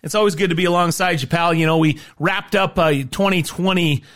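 A man's voice: high voice, steady tone, brisk, a bit bright. A man presenting on radio as a host, in an upbeat style.

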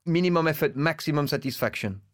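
A man's voice: on the high side, animated, fast talker, no room sound, clean studio sound. A man hosting a casual chat, teasing his guest and prompting him with questions. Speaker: host.

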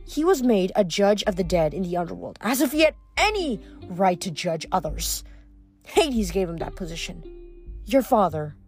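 A woman's voice: medium pitch, big pitch swings, moderate pace, a little mellow, faint music behind. A woman voicing a spiteful, scheming sorceress queen who sneers and mocks. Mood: bitter. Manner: sneering, mocking, dismissive.

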